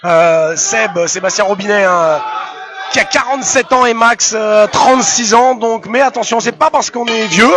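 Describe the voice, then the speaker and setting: A man's voice: high-pitched, moderate pace, over music. A man giving casual, chatty live fight commentary, often hesitating as he searches for words. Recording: loud crowd behind commentary.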